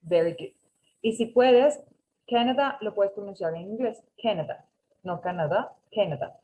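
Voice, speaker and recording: A woman's voice: mid-range voice, normal speed, mellow, slight background noise, poor audio. A woman teaching an English class over a video call, patiently correcting students and mixing with English. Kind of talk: online class instruction.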